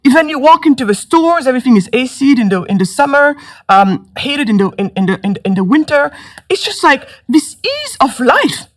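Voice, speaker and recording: A woman from Senegal, a guest in an interview, telling her life story in a lively, animated way, her voice rising when she gets excited. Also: sits high, moderate pace. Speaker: entrepreneur guest.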